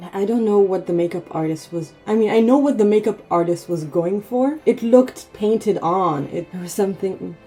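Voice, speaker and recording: Woman, Israeli accent, casual review, rambling with fillers, warm dark tone. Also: mid-range voice. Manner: chatty, rambling, many fillers and restarts. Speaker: film reviewer.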